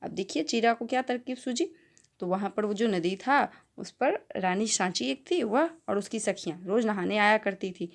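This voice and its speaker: A woman teacher speaks patiently to young children in a recorded lesson, sounding out each word slowly. She keeps checking that her pupils follow along. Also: mid-range voice, creaky. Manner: slow, patient explanation with frequent checks like "है ना?". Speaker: primary school teacher.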